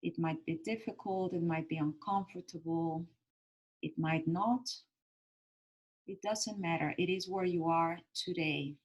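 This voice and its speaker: A woman leading a calm grounding meditation as a guide, speaking gently and soothingly in short phrases with pauses between them. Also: fairly low pitch.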